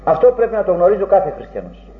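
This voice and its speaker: A man's voice: sits high, sing-song. A man preaching a sermon in an earnest, rhetorical way, with old-fashioned phrasing. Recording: dull, echoey room recording.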